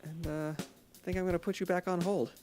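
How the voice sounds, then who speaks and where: American male co-host, slightly high voice, deadpan playful delivery, light music behind. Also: a little fast. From United States. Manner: deadpan, mock-apologetic, playful. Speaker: podcast co-host. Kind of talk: casual podcast banter.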